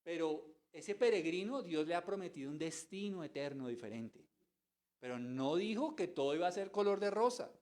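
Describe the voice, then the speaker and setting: A man's voice: a little high, darkish tone. A man preaching a sermon as pastor, asking rhetorical questions and mimicking voices. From Colombia.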